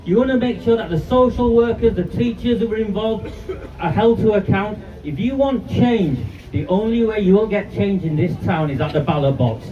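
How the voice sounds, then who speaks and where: A man in his fifties with a high voice speaks angrily to a crowd outdoors. He sounds defiant and declamatory. The audio is distant and muffled, with loud street noise. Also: animated, normal speed. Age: 50s. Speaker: rally speaker. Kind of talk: outdoor protest speech.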